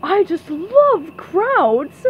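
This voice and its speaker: A woman puts on a friendly storybook princess from a cartoon. Her voice is high and lively, with a gracious, pleasant manner. The recording is a touch dull and noisy. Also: drawn-out words, full character voice. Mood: pleased, gracious.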